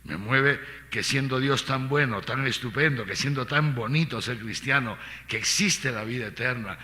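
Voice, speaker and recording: A middle-aged man, an archbishop giving catechesis to a congregation. He preaches in a lively way, asking rhetorical questions and repeating his phrases. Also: medium pitch, normal speed. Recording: long reverb of a large hall.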